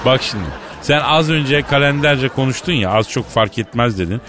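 A man's voice: mid-range voice, moderate pace, a bit bright. A man hosting a comedy radio show, teasing his co-host and staging a fake phone call. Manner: jokey, teasing, mimics the other end of a phone call.

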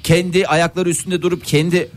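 A man's voice: high voice, level tone, brisk. A man co-hosting a casual comedic chat in a studio, handing out playful, mock-serious advice. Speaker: podcast co-host. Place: studio with a window. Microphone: studio microphone.

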